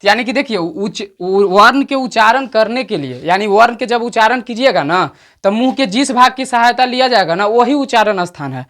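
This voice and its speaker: A man with a Bihari accent teaching an exam-prep lesson, often checking "understood?" and slowing down to dictate definitions. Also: high voice, expressive, a bit bright. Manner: repeats "samjhe na?" checks, slows to dictate definitions.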